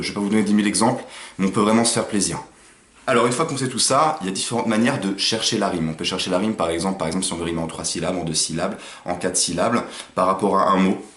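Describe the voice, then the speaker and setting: A man, casually explaining rap rhyme techniques and slowly reciting his own example lines. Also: lowish voice. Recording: roomy echo.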